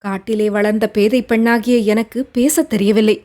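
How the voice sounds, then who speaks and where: A woman's voice: medium pitch, fairly even intonation, normal speed, a little mellow, close to an everyday voice. A woman voicing a lovelorn young woman who speaks of her sorrow in a plaintive, earnest way in an audiobook. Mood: wistful. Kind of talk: audiobook character reading.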